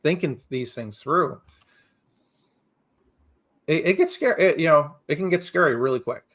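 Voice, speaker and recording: A man's voice: fairly high pitch, animated, normal speed, a bit bright. A man co-hosting a real estate podcast in casual chat, repeating himself and leaning on "you know" as he talks things through. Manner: loose, repeats words, lots of "you know".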